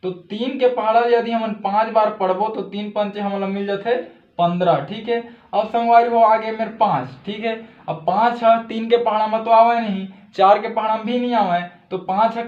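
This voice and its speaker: A man's voice: high voice, fairly even intonation, normal speed, reverberant, lo-fi sound. A man with a Chhattisgarhi accent teaching a step-by-step math lesson, often checking in with "thik hai".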